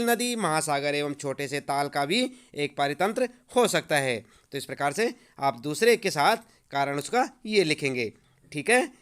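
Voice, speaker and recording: Going over homework answers with schoolchildren and dictating them for copying, a man speaks in a slightly bright, clean, rather high voice. He keeps calling the pupils children and punctuates his explanation with "ठीक है," an "okay" check-in.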